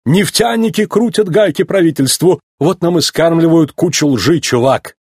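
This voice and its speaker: Guy doing a chill hippie van in a kids' story, slangy, husky. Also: a little high, normal speed, a little mellow, no room sound, studio quality, pitched above the performer's own voice. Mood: conspiratorial. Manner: laid-back slangy drawl. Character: laid-back male hippie van, conspiracy-minded.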